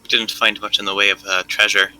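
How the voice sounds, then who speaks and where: Quick, bright-voiced male player. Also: on the low side, level tone, soft background music, rough recording. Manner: rambling, with many "like"s and restarts. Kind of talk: casual tabletop game chat.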